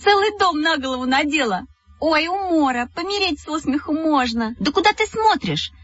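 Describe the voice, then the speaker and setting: Cheeky schoolgirls trading jibes, as a woman reading puts them on, in a high, bouncing, playful voice full of teasing. The sound is dull, with faint music. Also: lively intonation, a bit bright, no room sound. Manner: teasing, giggly, quick. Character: two cheeky schoolgirls bickering.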